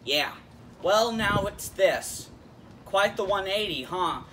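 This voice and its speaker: A man's voice: high-pitched, expressive, takes it slowly, sharp tone, recorded from a distance, a little hiss or hum. A man hosting a casual YouTube episode review in a jokey, playful way. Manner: jokey, playful, switches into silly voices.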